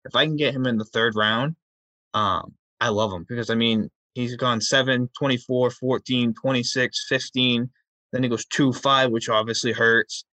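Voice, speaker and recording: A man's voice: mid-range voice, fairly even intonation, normal speed, bright, forceful tone, no echo, rough recording. A man co-hosting a casual fantasy football podcast, reeling off stats in an easygoing way. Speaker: podcast co-host.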